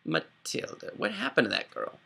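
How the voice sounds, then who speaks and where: A young man from the Chicago area, riffing sarcastically and rambling through a casual comedic vlog, with quick impressions. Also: medium pitch, gravelly, bright, forceful tone. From Chicago area, Illinois. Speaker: video host.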